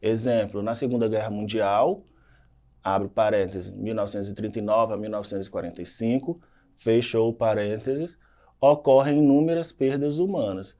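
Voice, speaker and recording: A man's voice: fairly low pitch, normal speed, mellow. A man with a Brazilian Portuguese accent, teaching a recorded lesson and checking in with "tá?" and "né?" tags. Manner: explanatory, frequent "tá?" and "né?" tags.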